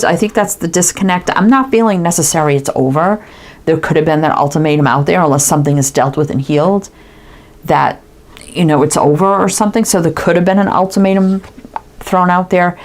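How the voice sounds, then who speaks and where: A woman's voice: low-pitched, a little mellow. A woman giving a casual tarot reading, musing aloud and tagging her thoughts with "right?". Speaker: tarot reader.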